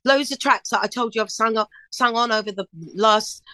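A woman's voice: a little high, a little fast, no room sound, rough recording. Chirpy, upbeat middle-aged woman, dry close sound. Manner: chatty, upbeat and chirpy, animated storytelling. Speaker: singer and DJ guest. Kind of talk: casual interview chat.

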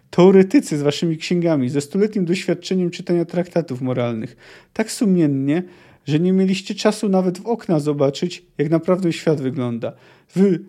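A man's voice: a little high, dark tone, lightly acted. A man voicing a fierce, vengeful young female witcher as he reads aloud from a fantasy novel, clipped and scornful in delivery.

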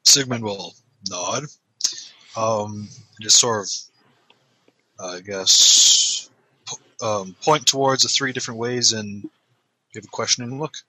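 A man's voice: on the low side, slow, long pauses, pushed and bright, husky, poor audio. A man playing a tabletop game, hesitantly describing his character's gestures with many fillers. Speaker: player. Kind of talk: casual tabletop play.

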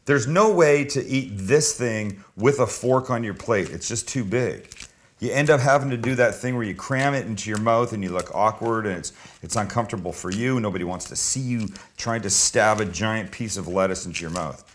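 A man's voice: lowish voice, normal speed. A man talking viewers through a dish like a cooking show host, chatty, informal and opinionated. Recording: clear background noise with kitchen clatter.

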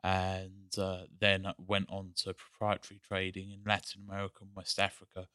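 English guy chatting on a podcast, bright crisp voice, measured, lots of ums. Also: deep voice, completely flat delivery, no room sound, clean studio sound. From England. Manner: articulate, measured, with frequent "um"s. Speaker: guest, energy company CEO. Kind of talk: casual podcast chat.

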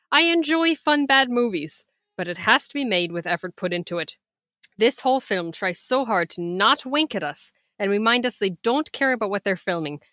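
A woman's voice: mid-range voice, sharp tone, dry recording, clean studio sound. A woman reading out a grumpy male critic's review in a put-on Irish accent. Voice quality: shoddy, exaggerated accent. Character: absent male co-host, grumpy movie critic.

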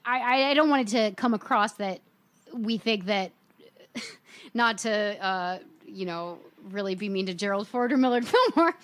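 A woman in an informal panel discussion who talks haltingly and often rephrases mid-thought. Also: medium pitch, lively intonation, no echo. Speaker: history panelist.

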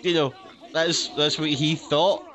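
A man's voice: fairly high pitch, steady tone, slow, a bit bright, highs cut off. A man from Glasgow with a Glaswegian accent, co-hosting a casual film commentary in a jokey, sweary way. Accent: Glaswegian Scottish. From Glasgow, Scotland.

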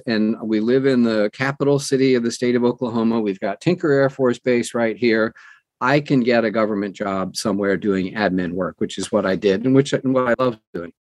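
An older man who narrates audiobooks speaks as a guest, animatedly sharing personal stories in conversation and performing the lines he quotes. His voice sits in the mid range, and the recording is dry.

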